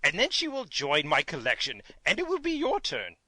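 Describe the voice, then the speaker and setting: Woman playing a blustering little gnome king, wildly animated. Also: low voice, moderate pace, husky, no room sound, exaggerated voice. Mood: smug. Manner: theatrical, indignant exclamations.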